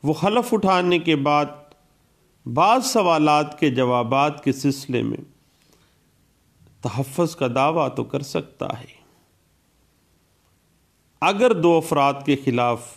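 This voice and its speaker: A man with a medium-pitched voice and vocal fry gives an explanatory law lecture, taking legal rules step by step. He uses Urdu legal terms alongside English ones and repeats statute citations.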